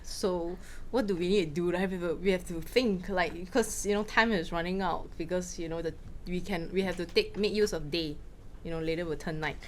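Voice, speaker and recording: A woman from Malaysia, a film director, answering questions in a casual talk with quick anecdotes and frequent laughs. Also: fairly low pitch, a little hiss or hum. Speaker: film director giving a masterclass.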